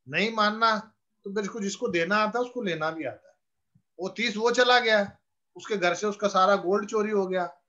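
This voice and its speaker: A man's voice: high voice, pushed and bright, muffled recording. A man, a spiritual guru, telling anecdotes and acting out the dialogue as he gives counsel. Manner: anecdotal, acts out dialogue, explains rituals slowly. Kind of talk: storytelling spiritual talk.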